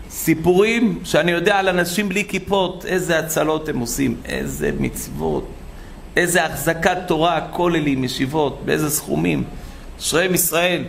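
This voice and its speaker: A man preaching a sermon full of stories, animated and acting out the voices of the people in them. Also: a little high, creaky, slight background noise. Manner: animated, acts out quoted voices. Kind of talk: sermon with storytelling.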